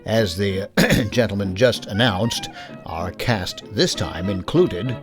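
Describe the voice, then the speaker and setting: A man's voice: on the low side, lively intonation, slow, over music. A man from the United States giving a scripted sign-off to listeners as host. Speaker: host, director and producer. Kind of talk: scripted sign-off addressed to the audience.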